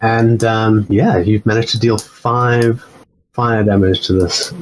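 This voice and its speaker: Low-voiced man running a tabletop game. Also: level tone, slow pace, a little hiss or hum, rough recording. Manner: rambling, filler-heavy narration with self-corrections. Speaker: game master.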